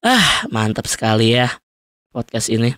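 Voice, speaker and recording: A man's voice: mid-range voice, big pitch swings, normal speed, bright, forceful tone, dry recording. Rambling young man, dry voice. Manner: loose, rambling, laughs often, many fillers. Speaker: podcast host. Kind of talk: solo casual podcast monologue.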